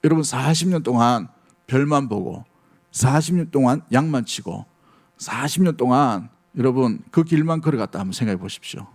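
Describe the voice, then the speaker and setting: Earnest middle-aged pastor preaching a sermon. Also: male voice, mid-range voice, a little mellow. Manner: earnest, conversational preaching with rhetorical questions.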